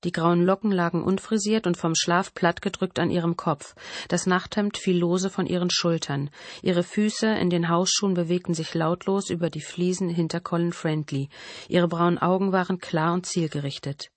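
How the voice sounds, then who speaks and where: A woman reading a first-person thriller audiobook in a measured, dramatic narrating manner. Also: on the low side, fairly even intonation, dry recording.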